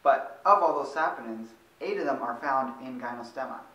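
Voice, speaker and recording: A man's voice: medium pitch, animated, normal speed, bright, forceful tone. A man hosting his own channel, explaining an herbal tea in a casual, conversational way with fillers and small self-corrections. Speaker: host of a longevity channel. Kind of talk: casual informative monologue. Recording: roomy, recorded from a distance.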